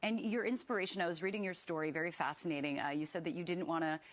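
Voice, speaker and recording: A woman hosting a morning TV show, interviewing a guest in a smooth, polished presenter's manner. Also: on the low side, quick pace. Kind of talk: broadcast interview.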